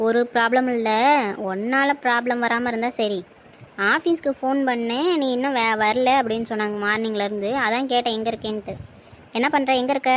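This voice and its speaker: Casual: lady doing a mouthy young village girl in a cartoon, always complaining, kinda high voice. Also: steady tone, brisk, a little hiss or hum, close to an everyday voice, poor audio. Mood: scolding. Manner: exasperated complaining, scolding. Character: sharp-tongued young village woman. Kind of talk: dubbed cartoon dialogue.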